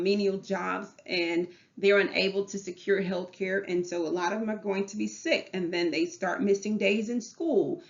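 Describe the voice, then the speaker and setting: A woman in her thirties, a teacher with a Southern US accent, gives an earnest class presentation, often restarting her phrases. Her medium-pitched voice has vocal fry, and the sound is lo-fi.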